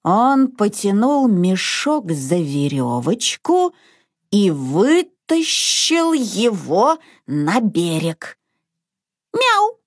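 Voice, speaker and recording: Slow, animated woman reading a fairy tale. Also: mid-range voice, no echo, clean studio sound. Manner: expressive, animated, sing-song. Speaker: narrator. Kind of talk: children's storybook reading.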